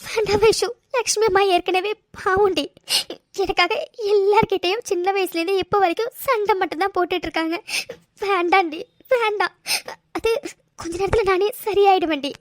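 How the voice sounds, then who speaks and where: A woman voicing a gentle, self-blaming young woman in a cartoon, crying and pleading in a very high, soft voice. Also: lively intonation, fairly quick, no echo, clean studio sound. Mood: tearful. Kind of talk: cartoon voice acting.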